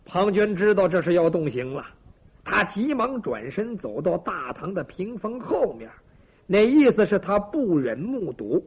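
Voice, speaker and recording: A man's voice: high-pitched, sing-song, measured pace, husky. A man telling a traditional story dramatically, with sound effects and asides to listeners, in a lo-fi recording. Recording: lo-fi dull recording.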